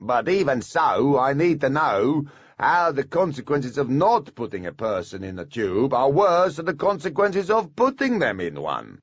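A man voicing a grumpy, belligerent male dwarf engineer who talks in a stubborn, gruff, drawn-out way. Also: mid-range voice, big pitch swings, dry recording, muffled recording, pitched above the performer's own voice.

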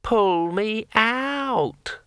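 A bossy talking sword, as a male narrator puts it on, with a thin, high, ringing voice that keeps leaping up and down. Each word is drawn out slowly and lands with bright, sharp edges. It sounds dry and close. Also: expressive, smooth, dry recording, heavily acted. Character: talking magic sword, male, pushy and chatty. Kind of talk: audiobook character voice.

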